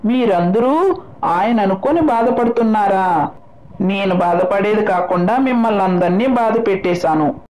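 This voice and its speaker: A woman voicing a dramatic old village grandmother who talks loudly through tears. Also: medium pitch, moderate pace, a crowd in the background, close to an everyday voice, low-quality recording. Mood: wailing, grieving. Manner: loud, wailing, tearful.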